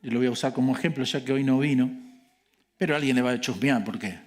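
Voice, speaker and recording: A man's voice: mid-range voice, fast talker. A male pastor with an Argentine accent preaching a sermon in a conversational way, asking rhetorical questions and adding joking asides. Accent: Argentine Spanish.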